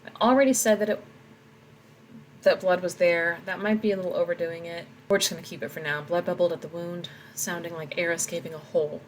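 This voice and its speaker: Woman author reading and editing aloud, low voice, reflective, light background noise. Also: poor audio. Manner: reflective, talks through her edits. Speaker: author editing her own story. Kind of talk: reading aloud and commenting on edits.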